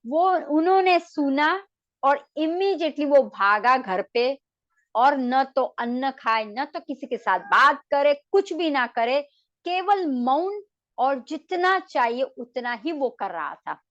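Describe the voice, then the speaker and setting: High-voiced woman telling a devotional story. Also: slow, muffled recording. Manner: lively narrator, mixes English words into her Hindi. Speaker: naturopathy and yoga doctor.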